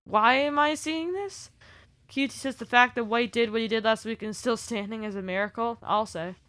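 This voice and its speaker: A woman with a fairly high voice recaps wrestling in casual chat, full of sarcastic, exasperated asides. The sound is dry and close, with no room echo. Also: steady tone, fast, a bit bright, smooth. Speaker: podcast co-host.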